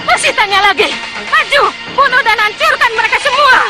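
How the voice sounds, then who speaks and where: A woman's voice: very high-pitched, fairly quick. A woman playing a proud, vengeful villainess who commands undead soldiers in an Indonesian historical fantasy drama, with imperious, theatrical delivery. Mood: furious, commanding. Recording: loud music under dialogue.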